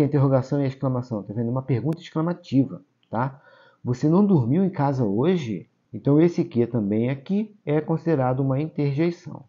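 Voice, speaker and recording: A man's voice: medium pitch, mellow, husky. A man, teaching a grammar lesson for exam prep, explaining step by step and checking in with tag questions. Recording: dull lo-fi sound.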